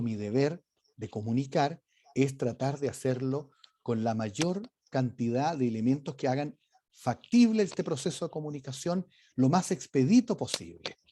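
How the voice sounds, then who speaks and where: Lively, emphatic man lecturing. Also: medium pitch, a little hiss or hum. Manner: emphatic, varies his intonation. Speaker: leadership course instructor. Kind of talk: online lecture.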